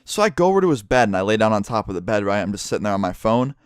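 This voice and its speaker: A man's voice: lowish voice, racing, clear, resonant tone, no room sound, studio quality. A man telling a story in a casual, rambling way, swearing freely as a vlogger. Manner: profane, rambling, animated.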